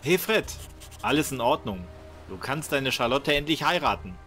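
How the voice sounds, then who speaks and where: A man voicing a brisk, confident young hero in a fan-made game mod, matter-of-fact. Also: medium pitch, expressive, bright, forceful tone, faint music behind.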